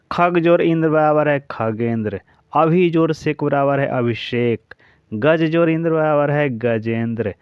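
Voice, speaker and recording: A man's voice: on the high side, clear, resonant tone, no room sound, muffled recording. A man with a Bihari Hindi accent, teaching an exam-prep grammar lesson who drills examples one after another and checks in with his listeners. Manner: repeats examples in a steady drill, checking in with the class.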